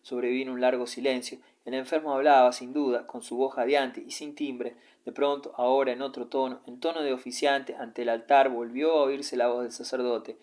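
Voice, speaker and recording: A man's voice: medium pitch, level tone, normal speed, few pauses, darkish tone. Man steadily narrating a classic novel. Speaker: audiobook narrator.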